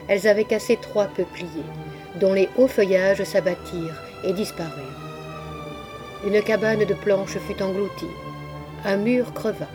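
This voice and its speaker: Reading a literary audiobook, a woman uses a measured, expressive narrative voice pitched in the medium range. Soft background music can be faintly heard.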